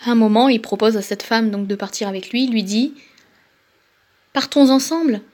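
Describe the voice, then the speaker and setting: A woman reviewing novels in casual book talk, pausing often with filler sounds. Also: on the high side, fairly even intonation, a little mellow. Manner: hesitant, many filler pauses.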